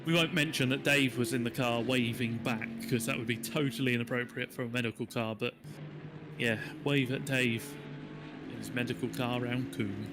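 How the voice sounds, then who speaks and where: A man's voice: medium pitch, steady tone, moderate pace, over music. A man commentating a live sim race, chatty and joking as he reads out lap times.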